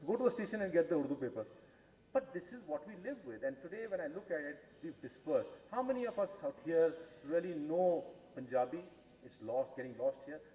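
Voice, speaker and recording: A man with a refined, educated Indian accent speaks earnestly and emphatically as a lecturer. His voice sits slightly high for a man. The recording is muffled and echoey, with some background noise. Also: big pitch swings, brisk, mellow. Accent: educated, posh Indian English. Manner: earnest, emphatic, often adds "right?" as a tag. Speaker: guest speaker giving a heritage talk with slides. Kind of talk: public lecture with personal anecdotes. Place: indoor talk venue at a festival. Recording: muffled, roomy hall sound with noise.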